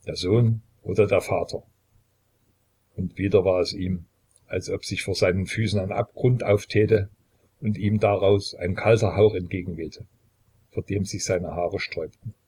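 A man narrates a historical novel in a low, husky voice. His reading is steady and measured, with a slightly breathy edge to the tone. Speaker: audiobook narrator.

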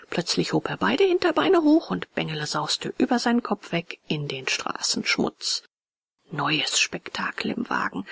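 A woman reading a classic children's story aloud as an audiobook, switching into lively character voices for the dialogue. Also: medium pitch, creaky, slightly rough. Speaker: audiobook reader. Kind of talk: storybook narration.

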